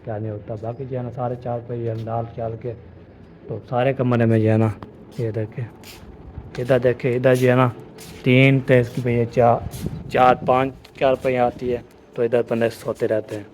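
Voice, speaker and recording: Slight background noise accompanies a man's medium-pitched, a little mellow voice, delivered flatly at normal speed. Walking outdoors with his phone camera in hot village fields, he rambles through a casual family vlog, leaning on repeated filler phrases.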